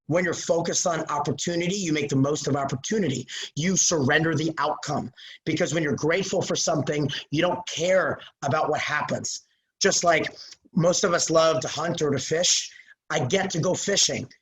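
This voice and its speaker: A middle-aged man giving a motivational mindset talk on a live call, energetic and emphatic, repeating phrases for punch. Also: fairly high pitch, normal speed, rough recording. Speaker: mindset coach. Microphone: call microphone.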